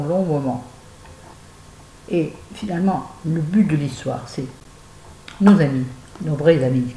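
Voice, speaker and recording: Chatty home vlogger, a woman with a mellow voice, rambling book review in a roomy space. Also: low-pitched, slight background noise. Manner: chatty, digressive, addresses viewers directly. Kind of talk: casual book review to camera. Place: at home with a fan nearby.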